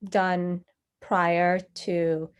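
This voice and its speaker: A woman's voice: lowish voice, flat delivery, drawn-out words, clear, resonant tone. Woman host on a video call, friendly and informal opening. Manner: friendly, slightly informal with fillers. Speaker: host of a charity event. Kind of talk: event introduction.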